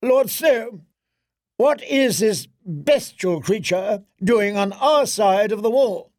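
A man's voice: high voice, animated, slow pace, darkish tone, dry recording, clean studio sound, voice pushed up. A man voicing a cold, proud queen who speaks with royal disdain. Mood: contemptuous. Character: haughty, cold, imperious middle-aged queen.

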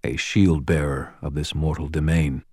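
A man voicing a huge horned fae creature who rumbles in stiff, archaic formal speech. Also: little pitch movement, moderate pace, a little mellow, husky, no room sound, studio quality.

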